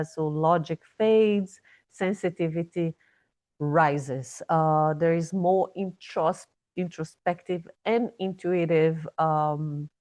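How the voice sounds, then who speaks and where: A woman's voice: on the low side, a little mellow, no room sound. A woman giving a weekly astrology forecast, talking unscripted, often repeating and restarting words, a little breathless. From based in Dubai. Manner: hesitant, repeats words and restarts, fillers like "you know" and "yeah?". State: a bit breathless. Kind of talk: unscripted explanatory talk.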